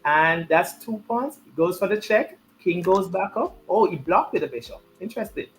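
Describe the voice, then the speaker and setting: Higher-pitched man commentating on chess, noisy background. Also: animated, moderate pace. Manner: repeats key points for emphasis. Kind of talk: live chess commentary and chat.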